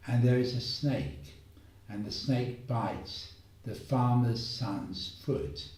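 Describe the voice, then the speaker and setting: A man telling a moral story as a gentle, unhurried homily, pausing often. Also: on the low side. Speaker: preacher. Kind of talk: reflective spoken homily. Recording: echoey room, voice far from mic.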